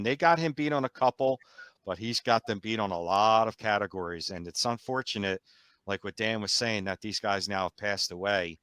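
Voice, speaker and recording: Male host, low and bright, dry sound, opinionated. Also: smooth, dry recording. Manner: opinionated, then hands the floor to others. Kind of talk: casual panel discussion.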